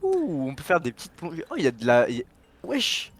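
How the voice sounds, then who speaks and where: A man's voice: on the high side, wildly swooping pitch, fast talker, husky. A young adult man, a streamer casually commenting on a game with a friend in teasing, slangy speech.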